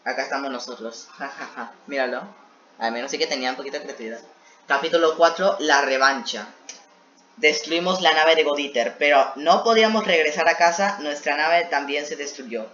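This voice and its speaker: A man's voice: fairly high pitch, brisk, sharp tone, a little hiss or hum. A man reading his old homemade story aloud and mocking it with joking asides. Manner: self-mocking, joking asides between read passages. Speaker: video creator reacting to his own old series. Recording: echoey room, dull lo-fi sound.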